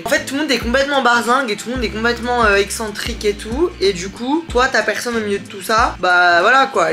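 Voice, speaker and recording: This young adult woman is a travel vlogger speaking casually to a handheld vlogging camera, moving between city streets and a hotel room with a playful, self-mocking chattiness. Her voice is medium in pitch with a sharp tone.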